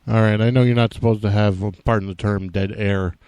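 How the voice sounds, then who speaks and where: A man hosting a podcast alone, talking off the cuff in a halting, rambling way. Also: lowish voice, steady tone, darkish tone, clean tone, dry recording, rough recording. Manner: halting and rambling, frequently restarting thoughts. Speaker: wrestling podcast host. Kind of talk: unscripted solo podcast talk.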